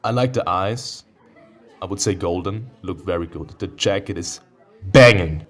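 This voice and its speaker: A man hosts a gaming video, alternating between reading visual novel text aloud and commenting on it in a playful, theatrical way, prone to sudden outbursts. His voice is low-pitched, a bit bright and a little slow, with faint music behind him.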